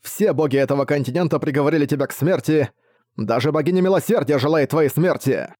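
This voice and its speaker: A man's voice: fairly high pitch, quick pace, a little mellow, dry recording, natural voice. A man voicing a zealous male cult assassin who declaims his god's will, raising his voice, in a dry recording. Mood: fanatical. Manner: declaiming, fanatical.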